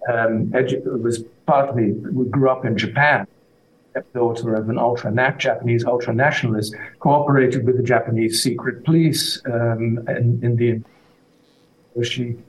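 A man, a guest author, answering radio interview questions in a hesitant, halting way over a remote line that sounds like an echoing tunnel. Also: mid-range voice, steady tone. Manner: hesitant, halting, restarts words. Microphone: remote connection into a radio studio.

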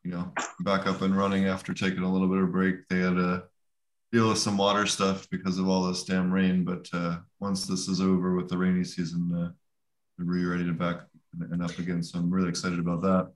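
A man's voice: low-pitched, completely flat delivery, fairly quick. A man co-hosting a podcast in casual, laid-back chat. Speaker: podcast co-host. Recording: echoey room.

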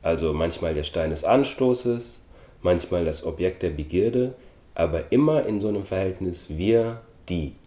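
A middle-aged man from Austria, an actor speaking as an interview guest in a thoughtful, measured way with frequent hesitations. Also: low-pitched, expressive, warm tone, reverberant. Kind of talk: relaxed interview talk.

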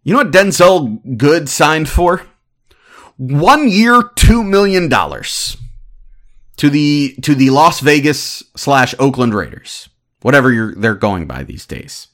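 A man in his thirties giving opinionated sports commentary as a podcast host, ranting in an animated, exasperated way. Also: a little high, slow pace. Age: 30s.

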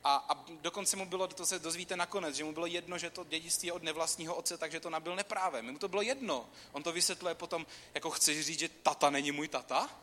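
A man's voice: on the high side, few pauses. A man giving an informal, conversational sermon, talking straight to his listeners. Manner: conversational, animated, talks straight to the audience. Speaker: preacher. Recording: long hall reverb with faint room noise.

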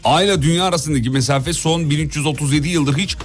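A man's voice: on the high side, fast, faint music behind. A man hosting a radio show, reading out news items in a casual chat and correcting his co-host.

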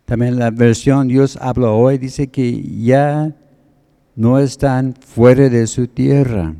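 A man preaching, taking his time as he explains words one by one. His voice is very dark and mellow, sitting at an ordinary pitch for a man. He speaks slowly and deliberately. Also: fairly even intonation. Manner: slow, deliberate, explains word meanings. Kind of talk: sermon teaching.

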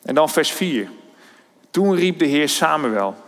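A man preaching a sermon, thoughtful and hesitant, often pausing on fillers and restarting his sentences. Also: on the high side, sing-song. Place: church hall. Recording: long church-hall reverb.

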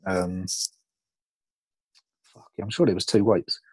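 Man, low husky voice, laid-back sweary chat, dry close sound. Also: takes it slowly, warm tone, no echo. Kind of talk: casual chat.

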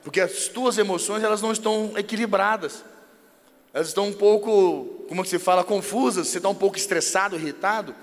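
A man with a Brazilian Portuguese accent preaches in a high, lifted voice, telling everyday stories in a lively way. His words ring out with a long hall reverb behind them, and he slips into acted dialogue as he explains. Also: fast. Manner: lively storyteller who acts out dialogues. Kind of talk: informal sermon on marriage.

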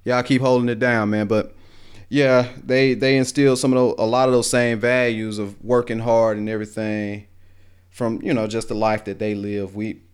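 A man with a strong rural Alabama accent talks straight to his listeners in a loose, rambling podcast monologue. His voice sits a little low and sounds smooth and resonant. He keeps circling back with "man" and "you know" as he restarts his thoughts. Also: flat delivery, moderate pace. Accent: rural Alabama Southern. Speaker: podcast host. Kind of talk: casual solo podcast monologue.

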